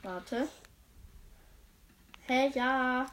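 A woman's voice: high-pitched, extremely slow, a bit bright. A young woman casually reading out quiz questions and teasing her friend, often laughing. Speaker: podcast co-host. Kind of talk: casual chat, quizmaster.

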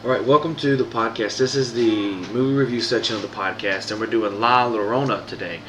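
A man's voice: medium pitch, fairly even intonation, fairly quick, noisy background. A man hosting a podcast, giving a casual movie review with frequent ums and restarts. He has no proper microphone, so his voice sounds echoey. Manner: hesitant, many ums and restarts. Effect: echoey room sound. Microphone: no proper microphone, built-in device mic. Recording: echoey room, voice far from mic.

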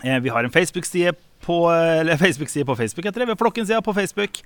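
A man's voice: fairly high pitch, expressive, fairly bright tone, dry recording. A man hosting a radio show, leading the talk and reading out listener messages. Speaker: radio host.

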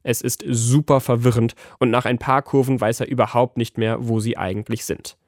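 A man's voice: medium pitch, moderate pace, dry recording, clean studio sound. Man reading a children's story. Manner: lively storytelling, voicing the characters. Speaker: narrator.

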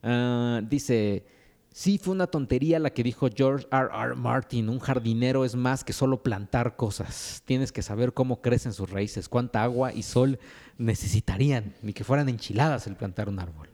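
A man's voice: medium pitch, normal speed, darkish tone. Man reading listener comments on a podcast. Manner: reads comments aloud, laughs often. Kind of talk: casual podcast chat.

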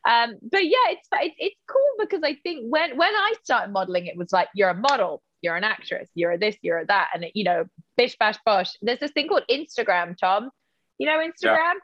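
A woman touched by gives a casual, rambling interview. Her voice sits fairly high, and she is playful as she talks. The recording is dry and slightly dull. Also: lively intonation, brisk, a bit bright, dry recording. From Britain. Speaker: interview guest, model and actress. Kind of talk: casual chat.

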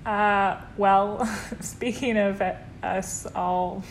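Podcast co-host, female, unhurried and giggly casual chat, faint rumble behind. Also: steady tone. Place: at home on a couch.

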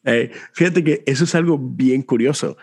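A man's voice: mid-range voice, normal speed, darkish tone. A young Mexican man hosting a podcast in a friendly, rambling conversational way. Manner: friendly, rambling, frequent fillers and restarts. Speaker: podcast host. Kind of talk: casual conversational interview.

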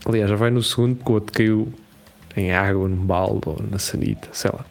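A man with a European Portuguese accent in casual podcast chat, animated and slangy, laughing and acting out quoted voices. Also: fairly low pitch, brisk.

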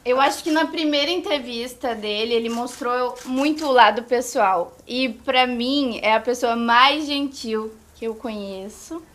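A woman in her twenties answering interview questions calmly and sincerely. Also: fairly high pitch, a little slow, few pauses. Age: 20s. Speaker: guest. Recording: crowd chatter behind.

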